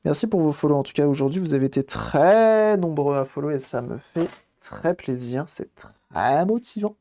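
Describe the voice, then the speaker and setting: A man's voice: fairly high pitch, animated, normal speed, vocal fry, warm tone. A man casually commenting on a live stream while repairing a game console, thinking aloud and greeting viewers as they arrive.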